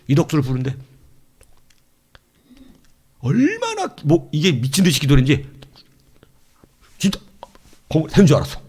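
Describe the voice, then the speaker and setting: A male pastor preaching a sermon in a lively way, acting out the devil's taunts in other voices. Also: on the high side, breathy edge.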